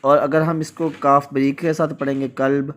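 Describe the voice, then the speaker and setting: A man from Pakistan teaching Quran recitation, explaining slowly and contrasting how words are pronounced. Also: fairly high pitch, little pitch movement, fairly bright tone. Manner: slow, explanatory, contrasts word pronunciations. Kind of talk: Urdu tajweed lesson.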